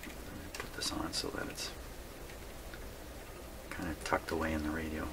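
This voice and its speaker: In a rumbling low voice at a moderate pace, this hobbyist radio restorer delivers his folksy, meandering musings completely flat. He casually talks through a repair vlog while working in his indoor workshop on vintage sets. Background noise comes through clearly on the recording.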